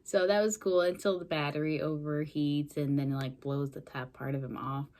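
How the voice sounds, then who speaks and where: A woman's voice: low voice, steady tone, normal speed, darkish tone. A woman casually recapping a movie's plot in a chatty way, with lots of fillers, laughing often. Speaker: movie podcast host.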